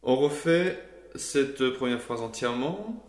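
A man's voice: medium pitch, animated, takes it slowly, roomy sound. A man teaching Gregorian chant to a choir, explaining the melody and now and then singing short examples.

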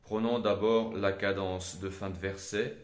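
A man teaching Gregorian chant in a measured, explanatory way, often pausing to hesitate, with short sung examples. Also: sits low, fairly even intonation. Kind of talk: spoken lesson with sung examples. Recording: echoey room.

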